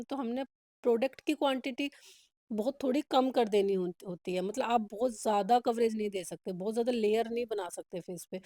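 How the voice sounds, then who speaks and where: Makeup artist from India, casual instructive voice-over, mellow tone, slightly high. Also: female voice, no room sound, clean studio sound. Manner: chatty, instructive, code-switching with English words.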